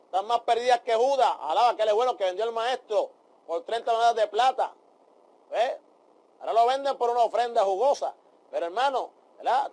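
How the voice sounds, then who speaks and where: Leading a Bible study in a fervent preaching style, a man with a very high voice for a man and a darkish tone keeps calling out amén and aleluya, addressing his listeners as brothers.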